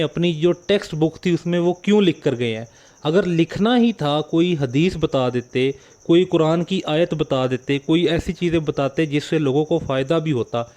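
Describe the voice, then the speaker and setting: Male channel host, slightly high voice. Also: darkish tone. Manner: addresses viewers directly, poses rhetorical questions. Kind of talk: video introduction and commentary.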